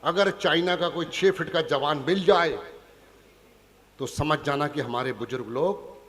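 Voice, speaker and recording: A man's voice: on the high side, unhurried, in a large hall, noisy background. A man from Punjab performing stage comedy at a poetry gathering, teasing the audience in a chatty way. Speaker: stand-up comic poet. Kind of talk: hasya kavi sammelan stage comedy.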